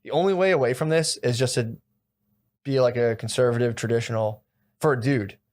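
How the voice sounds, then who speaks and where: A man's voice: medium pitch, a little fast, a little mellow. Male podcast co-host, loose and profane, rambles and acts out quotes. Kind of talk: casual crude banter.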